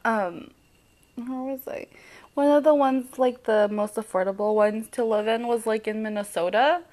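A woman's voice: fairly high pitch, normal speed, darkish tone. A young woman co-hosting a podcast in casual chat, chatty, laughing often, saying "like" a lot. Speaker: podcast co-host.

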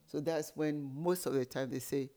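A man with a fairly high-pitched voice tells stories from his childhood. He explains things in an animated way and drops in many small asides as he goes. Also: moderate pace. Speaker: guest. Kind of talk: storytelling in an interview.

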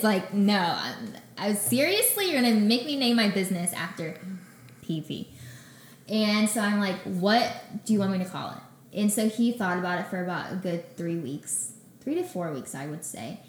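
A young adult woman, a guest on an interview show, telling her story in a casual way and acting out conversations with lively back-and-forth. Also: medium pitch, slight background noise. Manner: animated, acts out conversations in quick back-and-forth. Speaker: podcast guest, small bakery founder. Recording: roomy echoey room.

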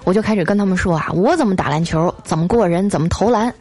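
A woman telling comic anecdotes in a lively, scripted way, stretching out filler sounds between phrases. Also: medium pitch, fast. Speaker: storyteller host.

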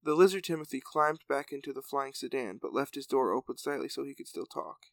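A man reading his own serialized story aloud as a podcast host, then chatting in a relaxed, filler-filled way. His voice has a gravelly fry and is recorded dry and close. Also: medium pitch, a little fast, dry recording.

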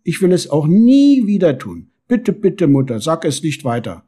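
A man's voice: a little high, sing-song, normal speed, dark tone. A man voicing a small, disobedient boy beetle who whines and pleads, in a storybook reading. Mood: whiny pleading. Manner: pleading, tearful.

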